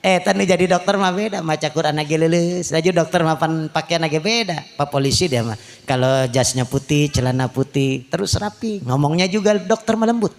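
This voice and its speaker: A man with a Sundanese accent preaching a comic sermon, acting out characters with shouted lines and quiet asides. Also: fairly high pitch, a little fast, creaky. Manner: switches between Sundanese and Indonesian.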